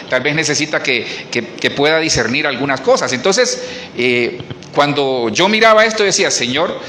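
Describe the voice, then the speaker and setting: A man's voice: fairly high pitch, sharp tone, a little hiss or hum. A man preaching a sermon as pastor, talking to the congregation in a conversational way with asides and restarts. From Colombia. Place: church.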